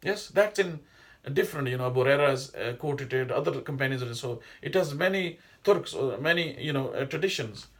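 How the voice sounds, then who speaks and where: Here the same kind of speaker, a middle-aged man whose first language isn't Arabic, teaches an Islamic lesson casually, rambling off on tangents and frequently hesitating or starting over. His mid-range voice is expressive and slightly quick.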